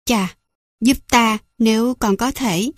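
An older healer queen, soft and measured, as a woman narrator puts her on. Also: on the high side, dry recording, clean studio sound. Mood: urging.

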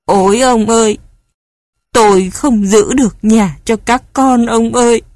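A woman voicing a stern, foul-mouthed elderly mother who gives commands and wails in lament, slowly and huskily. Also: lowish voice, darkish tone, no room sound, studio quality. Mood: wailing. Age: older.

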